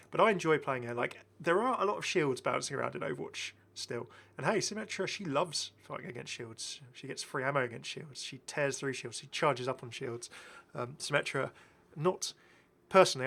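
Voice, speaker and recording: In a medium-pitched voice that is gravelly, husky and a bit bright, a middle-aged man hosts a gaming video. He comments casually and with enthusiasm on the game skins he is showing, circling back to repeat phrases.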